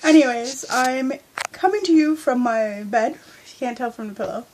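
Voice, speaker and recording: Her voice sits high and a little mellow at a moderate pace, in a rough recording with a little hiss or hum. Lying in bed with a head cold, this young woman holds her phone at arm's length for a chatty, candid storytime vlog full of fillers.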